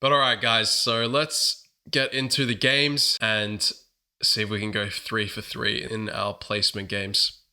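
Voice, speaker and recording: A man's voice: lowish voice, flat delivery, a little slow, pushed and bright, smooth. A man hosting his gaming channel, chatting casually through strategy commentary while a bit sick. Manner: chatty, upbeat, self-correcting.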